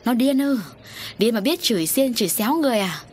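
A woman's voice: mid-range voice, fast, a little hiss or hum, natural voice. A woman narrator voicing a hot-tempered middle-aged farm wife who scolds and panics. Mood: furious.

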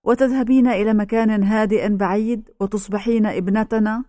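A woman voicing an aging male village pastor who speaks slowly and solemnly. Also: medium pitch, fairly even intonation, warm tone, dry recording, studio quality, lightly acted. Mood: gentle.

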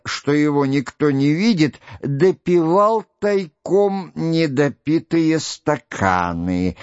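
A man reading a classic novel aloud in slow, measured literary narration. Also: dry recording, muffled recording. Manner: slow, measured reading, voicing quoted shouts louder and higher. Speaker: audiobook reader.

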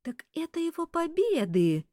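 A sharp-tongued young woman in an office, read by the narrator, defiant and quick with scorn. Her pitch leaps about a lot and the sound is close and dry, an audiobook reading. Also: sing-song, dry recording. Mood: scornful.

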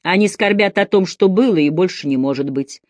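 A woman's voice: lowish voice, brisk, a little mellow, no room sound, lightly acted. A woman reading a frantic older male goldsmith who cries out in dread at his visions. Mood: awed.

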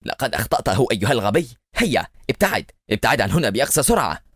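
رجل يؤدي شريرا مذعورا يصرخ بحدة. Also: male voice, very animated, very fast, no echo, clean studio sound. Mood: panicked. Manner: frantic, shrill shouting. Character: panicked villainous man, shrieking orders at his driver.

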